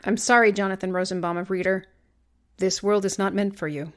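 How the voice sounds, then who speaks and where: A woman's voice: medium pitch, steady tone, brisk. A woman co-hosting a casual podcast chat. She talks with a wry, sarcastic edge and jokes about what critics wrote. Her delivery stays loose and conversational. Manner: wry, sarcastic, reads critics' blurbs aloud. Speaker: podcast co-host.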